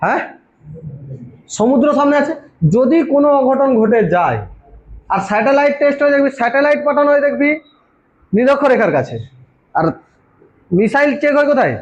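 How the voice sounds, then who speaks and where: Man, very high voice, coaching teacher, quizzing students, self-answering, dull lo-fi sound. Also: lively intonation, fairly quick, long pauses. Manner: quizzes students constantly, answers his own questions. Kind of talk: informal classroom lecture. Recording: dull lo-fi recording.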